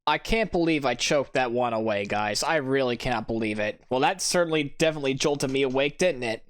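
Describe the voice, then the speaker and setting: A man's voice: medium pitch, lively intonation, a little fast. A sleepy, tired man giving casual let's-play commentary, self-critical and rambling with many restarts. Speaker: gameplay commentator. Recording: loud game engine noise behind. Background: racing game engine noise.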